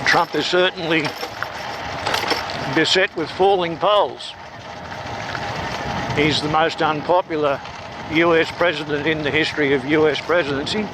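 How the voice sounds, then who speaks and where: A man talking slowly and deliberately through a motorbike helmet microphone while riding outdoors. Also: on the high side, steady tone. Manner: slow, measured, deliberate delivery. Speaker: vlogger. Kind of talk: political commentary monologue while riding. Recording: loud wind and road noise on a helmet mic.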